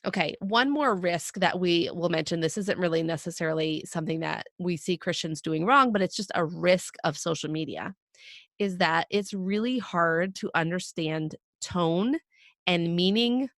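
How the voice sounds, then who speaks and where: A woman co-hosting a podcast with a scratchy, raspy voice, hoarse from a cold, explaining points in a relaxed, chatty way. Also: fairly low pitch, normal speed, no echo, studio quality. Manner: explanatory, laid-back, with frequent fillers. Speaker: podcast co-host. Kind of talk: casual podcast discussion.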